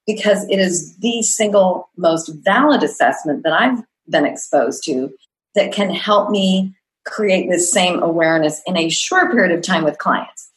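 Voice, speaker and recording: A woman's voice: lowish voice, low-quality recording. A middle-aged woman, an executive coach, answering interview questions in an earnest, reflective way.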